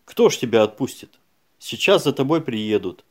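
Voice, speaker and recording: A man's voice: medium pitch, sing-song, normal speed. A man playing a tough, aggressive male detective who barks and mocks in an audiobook. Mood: scornful. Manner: shouting, bullying, scornful.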